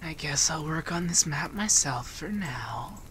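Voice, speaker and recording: Speaking soft and breathy in a near whisper, a man voices an affectionate, teasing femboy monster companion for an ASMR roleplay. His fairly high, expressive voice moves at a measured pace with a sleepy, musing mood, over slight background noise.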